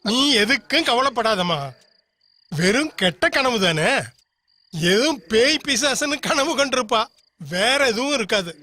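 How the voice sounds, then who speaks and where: A man's voice: extremely high pitch, animated, unhurried, long pauses, bright, forceful tone, exaggerated voice. A man dubbing the role of a stern, worried middle-aged father in a dubbed family film drama. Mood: reassuring. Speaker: father Kesavan, dubbed actor. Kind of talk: Tamil film dub. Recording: film soundtrack with music behind.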